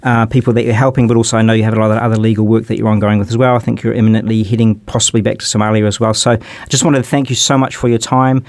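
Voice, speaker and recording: A man's voice: fairly low pitch, level tone, racing, few pauses, a little mellow, no room sound. A man with a New Zealand accent hosting a conversational radio interview in a rambling, repetitive, appreciative manner. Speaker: radio show host.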